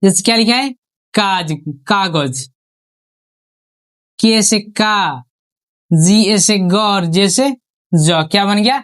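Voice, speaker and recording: Slow, syllable-stretching woman teacher. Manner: asks questions and answers them herself, stretching out each syllable; dropping pitch on each finished word. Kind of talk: online spelling lesson.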